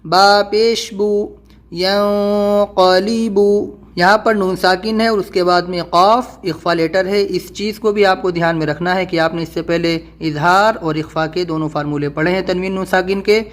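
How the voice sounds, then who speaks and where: A man teaches Quran reading in a recorded lesson. His voice sits high. He talks fast when he explains and slows right down to sound out each syllable. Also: fairly even intonation, a bit bright. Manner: quick explanations, slow drawn-out syllable-by-syllable spelling.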